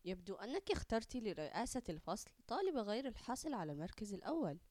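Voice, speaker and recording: A woman's voice: medium pitch, very animated, racing, a little mellow, dry recording, close to an everyday voice. A woman voicing a firm school vice-principal. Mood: brisk. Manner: firm, questioning.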